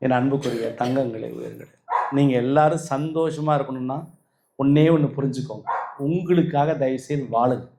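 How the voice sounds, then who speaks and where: A man's voice: medium pitch, normal speed, very noisy. A man with a Tamil Nadu accent giving an emphatic spiritual talk, repeating phrases and firing rhetorical questions at his listeners. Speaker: spiritual speaker.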